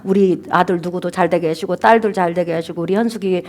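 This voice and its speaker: A woman pastor voicing an elderly widowed mother who softly and slowly prays to her late husband. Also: on the low side, fairly even intonation, voice pushed down, lightly acted. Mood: tender pleading. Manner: soft, slow and pleading.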